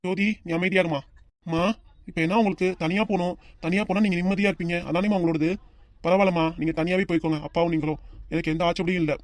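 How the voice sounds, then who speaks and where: A fed-up cartoon son, voiced by an actor, who answers his mother in a resigned, matter-of-fact way at a brisk pace. The recording is dry and close. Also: medium pitch, fairly even intonation, no echo, close to an everyday voice. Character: exasperated middle-aged son.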